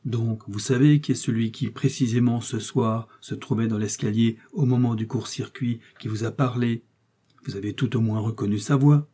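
A man reading aloud, voicing a calm, shrewd detective who questions precisely and insistently. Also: mid-range voice, normal speed, husky, close to an everyday voice. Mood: patient. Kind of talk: audiobook reading.

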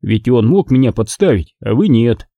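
A man's voice: mid-range voice, animated, moderate pace, no room sound, muffled recording, lightly acted. A man reading a blunt, pressing detective. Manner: pressing, accusatory questioning. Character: persistent, blunt middle-aged male detective. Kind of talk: audiobook character reading.

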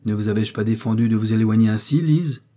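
A cruel prince from a spoken novel, cold and reproachful toward his wife. The voice is dark and husky, read by a male narrator. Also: fairly low pitch, fast talker, close to an everyday voice.

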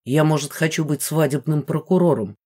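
A reader voicing a cowardly male inquisitor who talks loudly, peevishly and sarcastically in an audiobook. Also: mid-range voice, fairly quick, breathy edge, natural voice. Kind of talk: audiobook character voice.

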